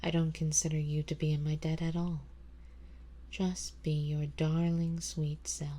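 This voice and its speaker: Playing a rich, ancient vampire woman in an ASMR roleplay, she speaks straight to the listener in a tender, doting mood. Her voice is low with little pitch movement, and her slow, soft, breathy delivery slips into whispers as she uses formal, measured phrasing, composed yet quietly possessive.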